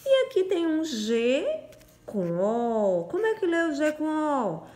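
A woman's voice: high voice, wildly swooping pitch, slow pace, a little mellow, roomy sound. A Brazilian woman teaching a recorded phonics lesson to young children from home, sounding out letters in a coaxing, sing-song voice. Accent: Brazilian Portuguese. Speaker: primary school teacher. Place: home room. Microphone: phone or home camera, voice only.

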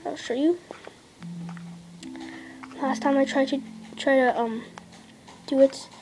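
Background noise runs under a high female voice: a young girl vlogging her mobile gameplay at a table indoors. She rambles casually, full of fillers, sometimes dropping to a half-whisper, while a device camera records her handheld screen.

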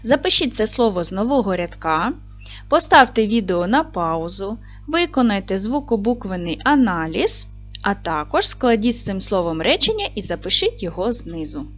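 A woman primary school teacher giving a recorded video lesson, speaking clearly and encouragingly to the children. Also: medium pitch, sing-song, moderate pace, a bit bright. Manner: clear, encouraging classroom delivery.

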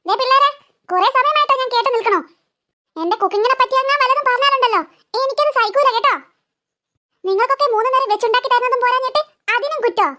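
Woman doing a cartoon mom, very high, bright, complaining, listing chores. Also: fast. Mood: scolding. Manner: complaining, ranting lists of chores. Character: put-upon Malayali mother, defensive, long-winded scolder. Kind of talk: cartoon voice acting.

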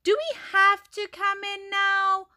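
A woman voicing an excitable young schoolboy who exclaims eagerly. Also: very high-pitched, takes it slowly, voice pushed up, heavily acted. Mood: whiny. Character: excitable young boy pupil.

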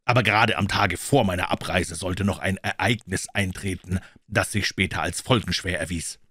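A husky, low-voiced man reads a classic story aloud as an audiobook. His delivery is measured and forceful. The sound is dry and close, with no room around it. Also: no echo. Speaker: audiobook reader.

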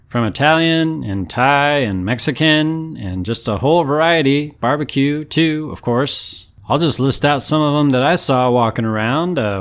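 Laid-back man narrating a vlog. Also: mid-range voice. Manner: easygoing, laid-back tour-guide talk. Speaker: musician vlogger. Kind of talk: casual travel vlog narration.

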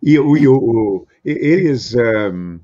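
A hesitant man interviewer whose words come in stops and restarts as he searches for phrasing. His voice is husky and breathy, with a lively rise and fall. The recording sounds dull and lo-fi. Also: mid-range voice, slow. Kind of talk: conversational interview.

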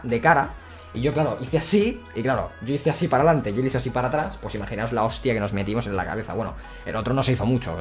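A young man from Spain with a peninsular Spanish accent, a gaming youtuber telling a story in a casual, slangy, rambling way. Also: mid-range voice. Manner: animated, slangy, rambling with restarts. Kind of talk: casual storytelling over gameplay.

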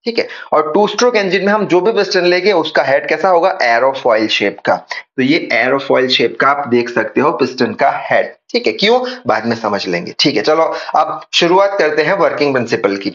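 A man's voice: fairly high pitch, lively intonation, fairly quick, a bit bright, lo-fi sound. A young man teaching an engineering class, asking questions and answering them himself, often repeating the key points. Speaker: engineering tutor. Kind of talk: whiteboard lecture.

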